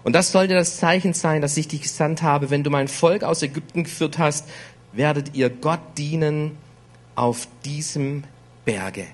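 A man preaching a sermon in a slow, emphatic way, repeating words for weight. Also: fairly high pitch.

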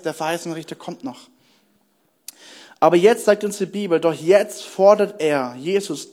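Man, young adult, pastor, sermon, high voice, earnest, rhetorical questions, emphatic. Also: a little mellow.

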